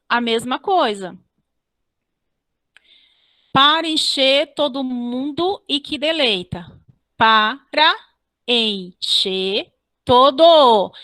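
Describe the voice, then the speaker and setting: A woman teacher giving an online class. She explains step by step, spells out syllables slowly and keeps checking with "ok?". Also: high-pitched, bright, forceful tone, dry recording. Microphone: computer mic on a video call.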